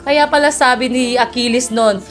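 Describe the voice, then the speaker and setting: High-voiced chatty Filipina mom. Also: female voice, steady tone, moderate pace, over music. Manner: chatty and teasing, laughs at her own jokes. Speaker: vlogger narrating her daughter's photoshoot. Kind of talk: playful voice-over narration.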